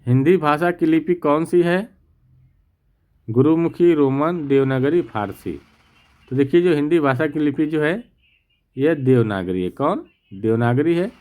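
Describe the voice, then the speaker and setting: In an exam practice lesson, a man reads every question and its options aloud, explains the answer, then checks that the class follows, repeatedly asking "theek na." He's slow and methodical, with a fairly high, darkish voice and lively intonation.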